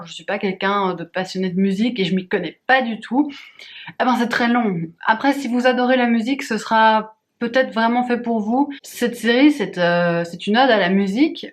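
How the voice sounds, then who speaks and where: Chatty young woman reviewing films. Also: a little high. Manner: chatty, candid and opinionated. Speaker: booktuber reviewing films and series. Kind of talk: casual monthly review vlog. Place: apartment in a city.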